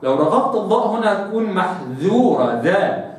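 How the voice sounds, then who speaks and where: A man gives a pronunciation lesson for Quran recitation, drawing model words out slowly and explaining in between. His voice sits fairly high for a man. It rings through a very reverberant room, picked up from some distance. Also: sing-song. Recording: very echoey room, voice off-mic.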